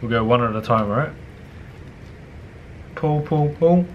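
Taking it slowly, a young cooking vlogger with a New Zealand accent walks through a recipe in his home kitchen, casual and slangy with offhand swearing and frequent low mutters. The recording has the highs cut off and a little hiss or hum.

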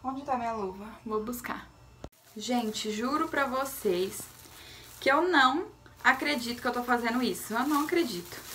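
A fairly high-voiced woman with a Brazilian accent talks straight to her viewers, chatty and openly nervous. She records at home on a phone propped up nearby, and a faint hum of ambience sits under her voice. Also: a bit bright. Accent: Brazilian Portuguese. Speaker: vlogger. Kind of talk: casual vlog chat to camera. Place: home, bathroom area. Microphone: phone camera set down nearby.

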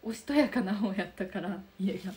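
A young woman with a soft Kansai accent chatting casually on a livestream, reading out and answering viewer comments. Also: medium pitch, lively intonation, fairly quick, slight background noise. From Kansai region of Japan. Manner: soft, bubbly, chatty with frequent laughs. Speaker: livestream host. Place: room lit by daylight.

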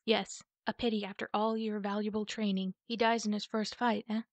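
A woman's voice: medium pitch, flat delivery, dry recording, natural voice. A woman voicing a young female medicine cat in a storybook reading, teasing yet firm. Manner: teasing, brisk.

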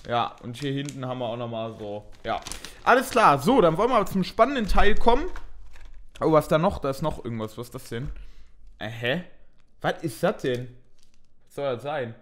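A man's voice: medium pitch, expressive, normal speed, fairly bright tone. Chatty young man unboxing cards. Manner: chatty, thinks aloud, mildly self-mocking. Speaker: unboxing video host. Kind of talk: casual unboxing commentary.

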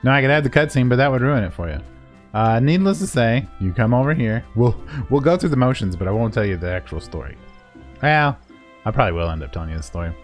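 A gaming video creator gives a casual, jokey quest guide over gameplay, talking quickly with big pitch swings in a medium-pitched voice. He is playful and informal, voicing paraphrased dialogue and silly sound words, with music in the background.

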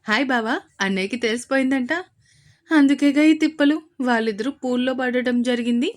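A man's voice: very high voice, fairly quick. A woman voicing a cheeky young man who teases and dodges his angry friend in a romance story. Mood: cheerful. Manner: pleading, cheeky. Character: playful young man, teasing friend, dodging.

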